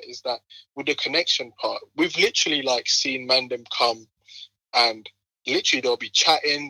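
A man's voice: medium pitch, no echo, low-quality recording. A man in his twenties with an urban London roadman accent, telling stories casually in slangy, conversational speech as a podcast guest. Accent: London, urban multicultural roadman slang. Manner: slangy, animated retelling with quoted exchanges. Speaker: podcast guest, running group co-founder.

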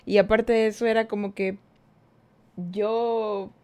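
A young woman hosting a podcast, telling a personal story in a casual, animated way and acting out what people said. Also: mid-range voice, slow. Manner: animated, chatty, acts out quoted dialogue. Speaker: podcast host.

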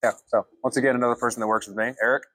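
A man's voice: mid-range voice, steady tone, very fast, bright, forceful tone, no room sound, studio quality. A man co-hosting a podcast, asking loose questions full of "like" and "um". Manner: loose, filler-heavy questions, "like". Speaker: podcast co-host. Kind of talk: podcast interview.

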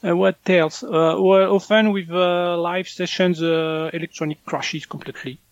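A man, in English, recounts strange experiences as an interview guest. His voice sits a little high, and he slips into playful acted quotes with laughter. The recording is dry and slightly muffled. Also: moderate pace, dry recording. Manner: animated storytelling, acts out quotes with laughter. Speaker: medical intuitive guest. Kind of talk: casual interview chat.

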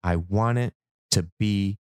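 A man performing a spoken-word poetry monologue as a host, with a dramatic, deliberate delivery in short measured phrases. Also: fairly low pitch. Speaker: podcast host.

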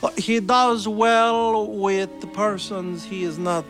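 An actor playing a sleazy kidnapper posing as a French photographer, with a put-on French accent and smooth, overly formal talk. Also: male voice, high-pitched, little pitch movement, slow, fairly bright tone, faint music behind. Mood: oily persuasion. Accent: fake French. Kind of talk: film dialogue.

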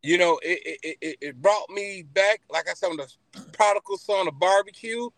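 Southern guy, pretty high voice, dry sound, chatting away all folksy and repeating himself. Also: moderate pace, no echo. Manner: animated, folksy, repeats phrases for emphasis. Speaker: podcast guest, barbecue pitmaster. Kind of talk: casual storytelling interview.

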